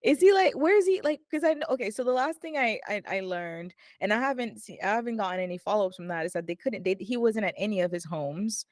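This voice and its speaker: A young woman co-hosts a podcast and chats in an easygoing way, hedging as she thinks out loud. She's quick to giggle. Her voice sits close to a dry mic. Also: mid-range voice, no room sound. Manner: thoughtful and hedging, breaks into giggles. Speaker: podcast co-host. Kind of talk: casual chat.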